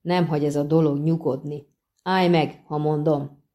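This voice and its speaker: A woman voicing a brash young male thug who shouts insults and picks a fight, reading it in an audiobook. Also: low voice, fairly even intonation, natural voice. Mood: taunting, shouting. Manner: taunting, shouting, spitting insults.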